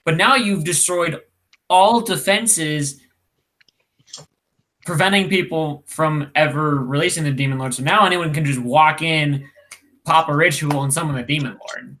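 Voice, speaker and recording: A man's voice: fairly high pitch, unhurried, bright, forceful tone. A man chatting casually as a player in a tabletop game.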